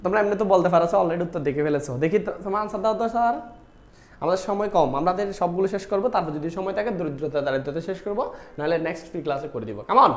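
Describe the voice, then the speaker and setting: Male online tutor, quick and high-pitched, in an echoey room, keeps quizzing the class. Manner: talks to students directly, repeats "dekho" often; asks questions and answers them himself. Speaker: online Bangla admission-test teacher. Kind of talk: live online class, explaining spelling questions.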